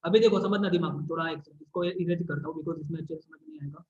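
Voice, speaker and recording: A man with a high voice teaches a science class, drilling each term by repeating it and asking again and again whether his students understand. The sound is roomy and echoing, and the recording is a little dull and muffled. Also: very fast, darkish tone. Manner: repetitive, keeps checking if students follow; draws on a board while explaining. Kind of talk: classroom physics lesson. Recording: echoey room, slightly dull recording.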